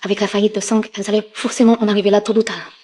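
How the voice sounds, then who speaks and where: An actress dubbing a gentle young wife and daughter who speaks in a soft, reassuring manner. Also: female voice, mid-range voice, little pitch movement, racing, slight background noise, close to an everyday voice. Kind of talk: dubbed drama acting.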